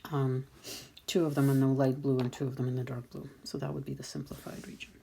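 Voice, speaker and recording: A woman's voice: extremely low pitch, little pitch movement, creaky, dark tone, a little hiss or hum. A woman math teacher talking patiently through a screen-recorded lesson, thinking aloud as she draws. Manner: slow, patient, thinking aloud while drawing.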